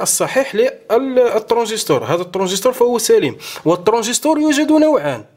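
A man hosting an electronics tutorial, explaining a hands-on demonstration step by step and often pausing with fillers. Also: high voice, darkish tone. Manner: explanatory, keeps saying "look" to viewers, frequent hesitations.

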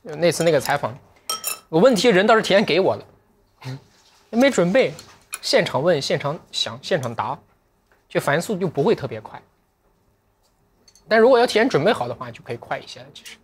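A man hosting a livestream, chatting casually in a reflective, joking way, sometimes switching to slow, careful English. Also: fairly high pitch, big pitch swings, a little hiss or hum. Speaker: livestream sales host.

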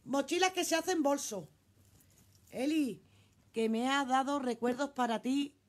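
A woman's voice: high voice, measured pace. A middle-aged woman with a Spanish accent, selling clothes on a casual live stream from her shop. She chats in an exclamatory way, reads out viewer comments and swears casually. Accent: Spanish from Spain.

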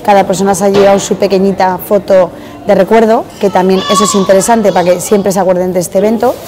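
The fair's organizer, a woman in her forties, talks fast in a mid-range voice with fairly even intonation. She hesitates through an on-camera interview, using lots of fillers, while crowd chatter fills the busy hotel hall behind her.

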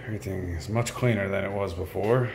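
A man casually narrating a handheld walkthrough of a campus building and its rooftop greenhouse, talking in a relaxed, offhand way as he walks. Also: deep voice, a little fast, creaky, slight background noise. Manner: relaxed, offhand commentary while walking. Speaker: vlogger giving a walkthrough. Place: campus grounds outdoors and building interior with greenhouse. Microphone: handheld camera.

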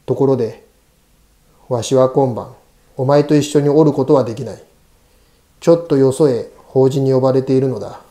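Grave, protective head priest for a ghost storybook, played by a male narrator: stern admonishing delivery, very dark mellow tone. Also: medium pitch, normal speed, long pauses, natural voice. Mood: grave concern. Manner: grave, admonishing, old-fashioned speech.

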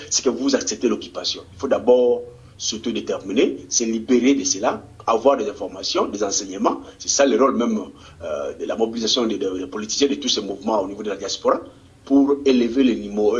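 A man from DR Congo, a political activist answering an interview in a fervent, rousing way, often stumbling and repeating words. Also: lowish voice. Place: Congolese diaspora community in Australia. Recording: dull lo-fi TV recording.

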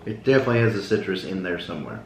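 American man, thirties, fairly deep, casual taste-test chat between crunchy bites, with background noise and room echo. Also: animated, rapid-fire. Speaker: snack reviewer. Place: small indoor room at a table.

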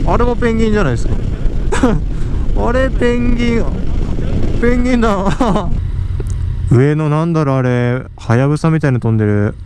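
A young man rides pillion and chats into a helmet camera. His voice sits fairly high and swings up and down in pitch as he exclaims and laughs. Wind and traffic noise come through clearly behind him. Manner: excitable, laughs often, polite speech. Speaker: motovlogger, tandem passenger. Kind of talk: casual chat. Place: outdoors, on a motorcycle and at a putting course. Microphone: helmet-mounted camera mic.

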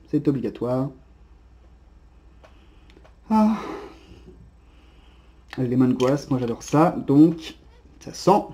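A man with a very dark, mellow voice talks casually through an unboxing at home. He is unhurried and chatty, filling gaps with short interjections and hesitant restarts. Faint noise sits under his voice. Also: mid-range voice. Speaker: unboxing presenter.

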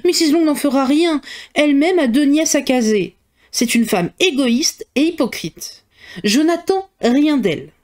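A woman reading a classic novel puts on an excitable middle-aged mother of five daughters, her voice climbing high and thin as she frets. She fusses and complains, and her nerves are always close to the surface. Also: measured pace. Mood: querulous. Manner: shrill, fussy and complaining.

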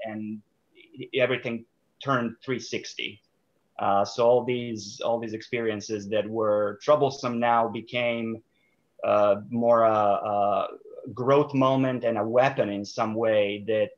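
A man from Serbia in his thirties, a sport psychologist guest speaking thoughtfully with many fillers and restarts over a video call. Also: lowish voice. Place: small room indoors. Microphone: video call webcam. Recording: dull lo-fi call audio.

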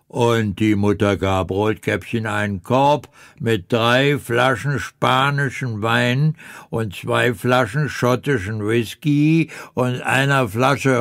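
A man's voice: medium pitch, gravelly, no echo, clean studio sound. A man reading a comic fairy tale aloud in a droll, theatrical way, with dramatic swoops and wry asides. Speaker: reader.

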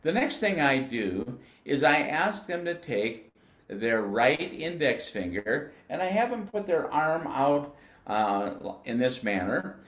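A man's voice: mid-range voice, big pitch swings, a bit bright, reverberant. Patient older American man teaching band. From United States. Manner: patient, explanatory, demonstrates syllables slowly. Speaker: music educator. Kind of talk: instructional demonstration.

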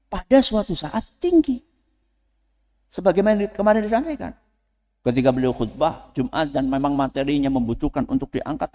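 A man preaching to students in a lively way, asking the audience questions and then answering them himself. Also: on the high side. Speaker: Islamic preacher. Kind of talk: lecture to students. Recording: long hall reverb.

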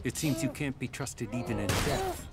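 A man's voice: mid-range voice, huge pitch swings, moderate pace, loud music behind the voice. A man voicing a suspicious male guard who questions an old comrade in a wary, mocking way.

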